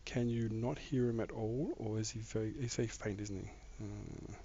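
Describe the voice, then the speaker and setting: A man with a somewhat mixed Australian accent plays a game on a live stream from a room at home, rambling and chatting with viewers as he builds. His voice is fairly low and warm, with fairly even intonation at a moderate pace. The dull lo-fi mic picks up faint noise.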